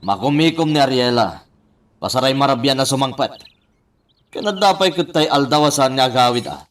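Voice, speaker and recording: A man's voice: mid-range voice, lively intonation, moderate pace, fairly bright tone, far from the mic, lightly acted. A man voicing a tired young nephew who speaks plaintively, in a radio drama.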